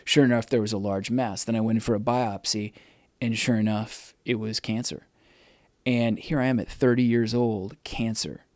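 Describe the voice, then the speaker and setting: A middle-aged man, an interview guest, telling his personal testimony in a candid, animated way and acting out the dialogue. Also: fairly low pitch, normal speed, dry recording, studio quality.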